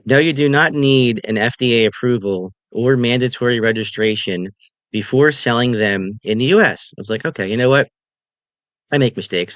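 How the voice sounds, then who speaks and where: A man talks through a casual commentary video, reading text from a screen in a slow, deliberate and sarcastic way. His voice sits at an ordinary middle pitch. The recording is dry and close, with no room echo. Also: fairly bright tone. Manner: sarcastic, reads web text aloud slowly and deliberately. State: talking with candy in mouth. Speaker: commentary vlogger.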